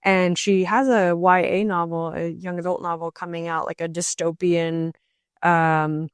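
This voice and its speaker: A woman's voice: lowish voice, flat delivery, measured pace, smooth, dry recording, studio quality. A young adult woman co-hosting a podcast, chatting casually about books in a rambling way with many fillers. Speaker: podcast co-host. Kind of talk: casual book chat.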